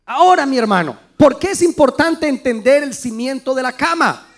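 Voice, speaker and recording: A middle-aged male pastor preaching a sermon, emphatic and lively, quizzing his congregation with call-and-response questions and acting out little everyday scenes. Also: extremely high pitch, moderate pace. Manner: acts out little everyday dialogues, occasional shouted emphasis.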